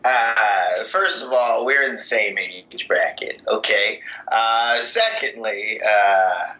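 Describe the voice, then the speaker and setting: A man's voice: fairly low pitch, takes it slowly, pushed and bright, dull audio. A man interviewing a contestant hopeful, teasing him playfully. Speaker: casting interviewer. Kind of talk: casual casting interview.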